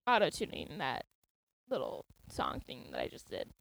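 A twenty-year-old podcast co-host chats casually, bubbly and giggly, dropping "like" constantly. Her voice rumbles low and gravelly with wildly swooping pitch at a normal speed, and there is no room sound.

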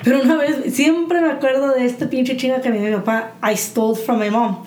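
A woman with a somewhat high voice tells frank, animated stories with plenty of swearing, in casual podcast talk. The recording is roomy and echoey, with faint noise beneath. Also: fast talker. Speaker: podcast participant. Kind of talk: casual chat.

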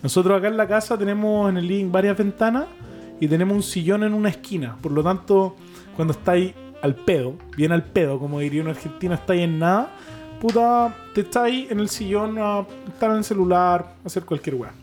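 A man's voice: high-pitched, fairly quick, darkish tone, faint music behind. A young man with a Chilean accent, co-hosting a casual podcast and telling rambling, slangy stories with frequent laughs. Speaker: podcast co-host. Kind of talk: casual chat. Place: home living room.

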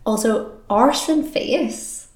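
Woman, giggly rambling storyteller, unhurried speech, echoey room. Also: fairly high pitch, a little mellow, slight background noise. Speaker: podcast co-host. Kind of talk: casual chat.

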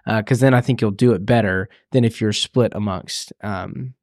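Halting church podcast co-host, man. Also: on the low side, darkish tone, no echo, clean studio sound. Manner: halting, many fillers and restarts. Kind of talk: casual conversation.

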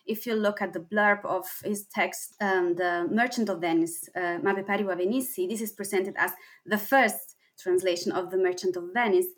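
On an academic panel, a woman researcher explains her work haltingly, with frequent pauses, fillers and restarts. Her voice sits at medium pitch with fairly even intonation.

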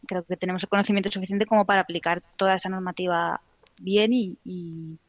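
A woman's voice: lowish voice, steady tone, brisk, no echo, lo-fi sound. A woman from La Mancha, a guest on a podcast, talking casually and a little hesitantly. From Almagro, Ciudad Real, Spain. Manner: hesitant, chatty with laughs.

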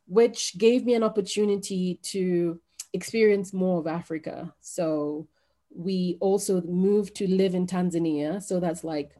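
A woman from Kenya talking as a guest on a podcast, with a low, mellow voice. She speaks thoughtfully and hesitantly, filling her pauses with ums. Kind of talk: podcast conversation.

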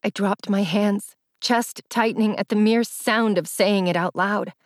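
A woman narrates a romance serial in the first person with an emotional, dramatic delivery. Her voice sits in the middle of the pitch range. The recording is dry and close, with no room echo. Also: fairly even intonation, unhurried. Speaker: audiobook narrator.

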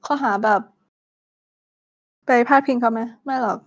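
Young woman, high-pitched, frank crude chat with English words, muffled recording. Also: steady tone, unhurried. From Thailand. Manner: outspoken, crude slang mixed with English words. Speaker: podcast co-host. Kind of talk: casual chat.

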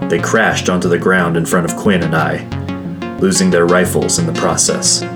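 A man reading a first-person fantasy novel aloud as an audiobook narrator, in a measured, grave storytelling manner. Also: low-pitched, level tone, music in the background.

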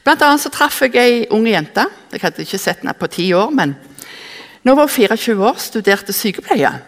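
Animated woman preaching in echoing hall. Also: on the high side. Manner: animated storytelling, acting out dialogue. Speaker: speaker at a church service. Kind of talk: sermon with personal story. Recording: long echoing hall reverb.

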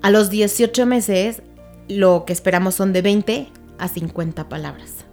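A woman's voice: mid-range voice, measured pace, dark tone, soft background music. A woman speech therapist, patiently explaining with examples and checking that her listener follows. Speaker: child language therapist. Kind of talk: explanatory interview talk.

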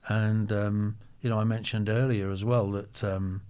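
Lower-voiced older man, halting. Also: flat delivery, a little mellow, smooth. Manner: halting, many ums and restarts. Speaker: guest, former soldier. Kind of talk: casual storytelling interview.

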